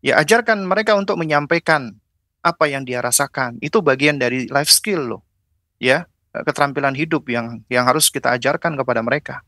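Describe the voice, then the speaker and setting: A man giving a religious lecture on parenting. He explains step by step, often adds "ya", and acts out gentle talks between parent and child. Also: mid-range voice, brisk, dry recording, clean studio sound. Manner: fills with "ya" and "apa namanya". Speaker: Islamic preacher on parenting.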